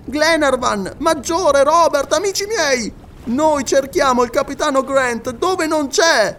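A man voicing an excitable, absent-minded male scholar with shrill, eager exclamations, in a storybook reading. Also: takes it slowly, a little hiss or hum, heavily acted. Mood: agitated.

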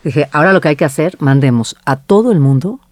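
Mellow-voiced woman telling her story. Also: sits low, fast, dry recording. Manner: lively, quotes herself and others in dialogue. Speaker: agency founder, guest. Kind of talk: storytelling in a conversational interview.

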